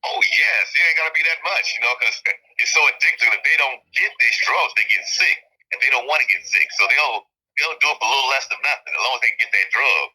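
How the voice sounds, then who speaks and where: A man's voice: medium pitch, expressive, fast, sharp tone, breathy edge. A man with an Alabama Southern accent giving candid, emphatic interview answers over a phone line, often repeating himself for stress. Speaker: prison inmate being interviewed.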